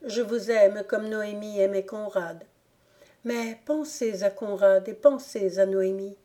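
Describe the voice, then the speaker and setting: A woman reading the lines of a grave, dignified young woman, earnest and measured. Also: medium pitch, mellow, lightly acted. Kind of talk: audiobook character reading.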